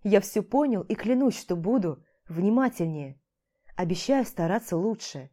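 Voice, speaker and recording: A woman voicing a young man who gently coaxes and soothes his partner in a warm, mellow voice. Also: medium pitch, animated, moderate pace, natural voice. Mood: tender coaxing. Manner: tender, coaxing.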